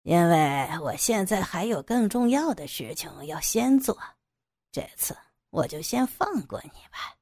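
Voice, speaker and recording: A woman's voice: very animated, unhurried, darkish tone, no echo, studio quality. Sneering domineering young man, voiced by a woman. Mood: menacing. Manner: mocking, with low chuckles.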